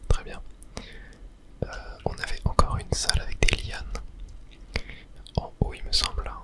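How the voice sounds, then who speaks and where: Soft whispered commentary accompanies a video game let's play from an ASMR gaming host. The pace is unhurried as they quietly narrate what they're doing in the game.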